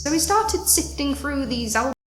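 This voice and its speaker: A woman's voice: high-pitched, animated, normal speed, a bit bright. A young woman animatedly retelling a chaotic party story with dramatic exasperation. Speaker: vlogger. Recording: echoey room with faint music.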